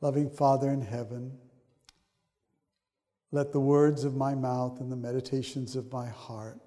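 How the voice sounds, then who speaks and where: An older man from Sri Lanka gives a church sermon, talking in a loose, rambling way full of fillers and restarts. His voice is mellow and dark, and it rings with long reverb through a large sanctuary. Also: medium pitch. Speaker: pastor. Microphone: handheld mic.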